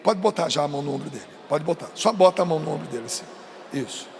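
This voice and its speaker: A Brazilian man preaching to a youth crowd, emphatic, swinging between coaxing and shouting. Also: fairly high pitch, lively intonation, racing. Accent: Brazilian Portuguese. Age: adult. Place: large event stage. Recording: long reverb of a big venue, faint noise.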